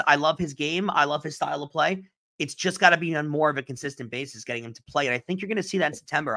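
A young man hosting a solo sports podcast, answering listener questions in an animated, emphatic way and repeating his points. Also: a little high. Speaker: podcast host.

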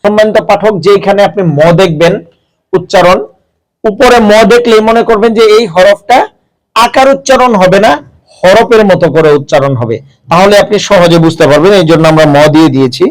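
A man with a fairly high voice gives a reading lesson, explaining pronunciation rules step by step. He stretches out each example word slowly to demonstrate it and fills his pauses with "ah". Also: rough recording. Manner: slow, drawn-out demonstration of pronunciations with frequent "ah" fillers. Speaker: Quran reading teacher.

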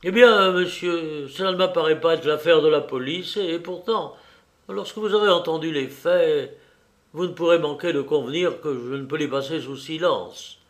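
Male reader voicing a portly, indignant older gentleman, stiff and pompous in every phrase. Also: fairly high pitch, normal speed, close to an everyday voice. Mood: flustered, pompous. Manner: stiff, huffy and self-important. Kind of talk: audiobook reading.

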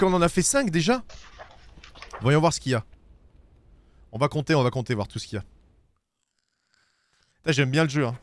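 Male streamer, casual gameplay commentary, swearing, lively up-and-down pitch, faint music in the background. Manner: swears freely and shouts at game animals; talks to his chat viewers. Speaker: streamer playing a climbing game.

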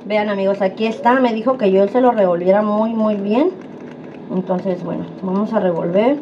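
Speaking at a normal speed in a mid-range voice, a vlogger chats to the camera at home and treats viewers like friends. The recording has a dull, lo-fi quality with clear background noise.

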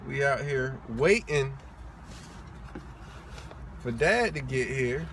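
A young man in a parked car, bantering and teasing in a relaxed way. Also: mid-range voice, takes it slowly. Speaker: vlogger, younger brother. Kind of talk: casual chat. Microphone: phone camera on the dashboard, at a distance. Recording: distant voice with outdoor traffic noise.

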